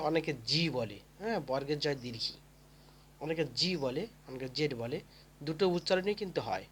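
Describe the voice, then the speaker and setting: A man's voice: a little high, slight background noise. A man teaching English letter pronunciation in a classroom-style lesson, asking questions and answering them himself, and chanting the sounds in repeated rounds.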